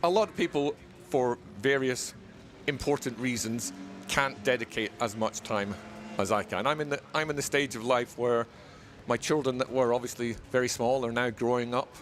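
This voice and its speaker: A man's voice: medium pitch, moderate pace, a bit bright, slight background noise. A middle-aged man from Scotland, a volunteer being interviewed at a race event, who talks in a friendly way and often repeats words as he searches for them. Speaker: volunteer guest. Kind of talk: casual interview.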